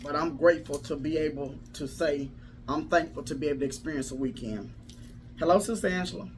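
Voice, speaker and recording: A woman's voice: low-pitched, brisk, darkish tone, slight background noise, low-quality recording. A woman life coach giving a casual motivational livestream talk in a folksy, preacherly manner, repeating phrases for emphasis.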